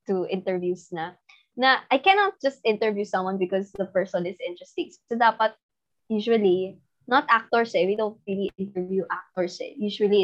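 A woman with a Filipino accent talks as a podcast guest, switching easily between English and Tagalog. She laughs a lot and teases herself, animated and loose. Her voice sits at a middle pitch for a woman. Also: muffled recording. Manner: giggly, self-deprecating, animated. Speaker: guest, news anchor. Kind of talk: casual podcast chat mixing English and Tagalog.

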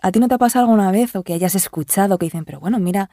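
A woman's voice: mid-range voice, racing, mellow, no room sound, clean studio sound. A woman hosting a podcast interview, chatting casually and asking questions. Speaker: podcast host. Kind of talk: conversational interview.

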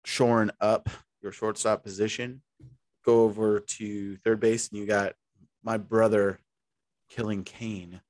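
A man's voice: fairly low pitch, flat delivery, a little slow, a little mellow, dry recording. A man co-hosting a podcast, chatting casually about baseball in a rambling, easygoing way. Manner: rambling, easygoing, restarts mid-sentence. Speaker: podcast co-host. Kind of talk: casual sports chat.

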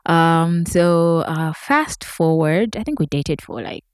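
Chatty woman with a low voice. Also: takes it slowly, no room sound, studio quality. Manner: chatty, addresses viewers directly, animated. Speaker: vlogger. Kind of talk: casual storytime chat.

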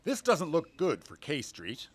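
Cast: man as a self-important lobbyist, huge swoops in pitch, husky voice. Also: wildly swooping pitch, a little slow, heavily acted. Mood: pompous. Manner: pompous, mock solemn. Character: pompous rich male lobbyist.

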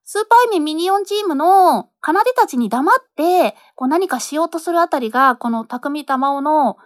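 Chatty high-voiced woman host. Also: lively intonation, normal speed, dry recording, studio quality. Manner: chatty, lots of fillers, enthusiastic. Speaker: radio drama talk host. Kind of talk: casual chat.

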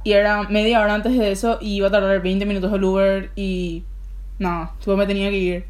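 A woman's voice: medium pitch, little pitch movement, a little fast, darkish tone. A young woman with a Paraguayan Spanish accent, co-hosting a podcast and telling a story in a casual, rambling way full of fillers. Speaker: podcast co-host. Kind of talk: casual chat.

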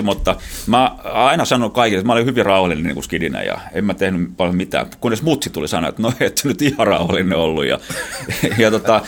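A middle-aged Finnish man telling adventure stories in an interview, animated and laughing often, with many restarts. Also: on the low side, slight background noise. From Finland. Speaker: guest, explorer. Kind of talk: casual storytelling.

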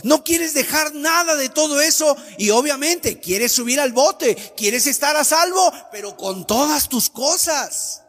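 Man, very high voice, sing-song preaching, long hall reverb. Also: expressive, a little slow, few pauses, a bit bright. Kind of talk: sermon.

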